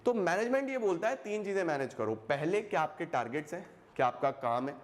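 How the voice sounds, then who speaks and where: Lively Hindi-English commerce teacher, man. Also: fairly high pitch, a little fast. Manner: lively, repeats phrases and asks questions back to students; mixes Hindi with English terms. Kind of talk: classroom lecture to school students.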